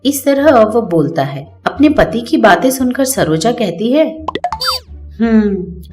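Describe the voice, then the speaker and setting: A woman narrating a moral bedtime story in an even storytelling manner. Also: fairly high pitch, a little slow, over music.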